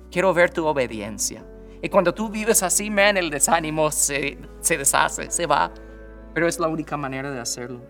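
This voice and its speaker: A man preaching a sermon as pastor, talking directly to his listeners, swinging between fervent pleas and soft, quiet prayer. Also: fairly high pitch. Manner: impassioned, rising to loud pleas then dropping to soft prayer; conversational, direct address to listeners.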